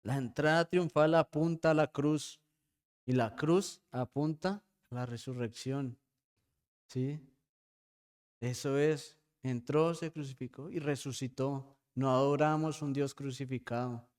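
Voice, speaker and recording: A man preaching a sermon in church, often asking his congregation for a quick "yes?" and calling them brothers. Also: medium pitch, steady tone, darkish tone. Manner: preaching with frequent rhetorical "¿sí?" checks. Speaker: pastor.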